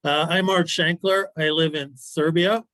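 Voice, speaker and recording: A man's voice: a little high, fairly even intonation, unhurried, a bit bright, dry recording, rough recording. A man from the American Midwest giving a casual campaign speech on a video call. He talks in a conversational way, with frequent restarts and asides. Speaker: candidate for party office.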